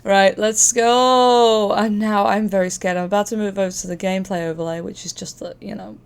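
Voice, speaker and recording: Female streamer, mid-pitched voice, casual and talkative host who swears freely. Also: fairly even intonation, a little fast, creaky, smooth. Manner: casual, profane, chatty. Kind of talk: casual livestream chat.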